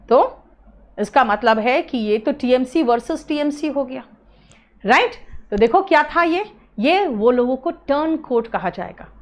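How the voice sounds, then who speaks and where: Woman teacher, high voice, slow and deliberate, explaining vocabulary, affectionate checking questions. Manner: explains words slowly, calls students "beta", asks "है ना?"; mixes English terms into Hindi explanations. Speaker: English teacher. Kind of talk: online exam-prep class.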